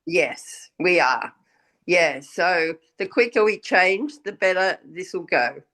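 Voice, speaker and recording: A hoarse woman guest in a casual conversation who answers softly and briefly and agrees readily. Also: on the low side, takes it slowly. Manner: soft, agreeable, brief replies.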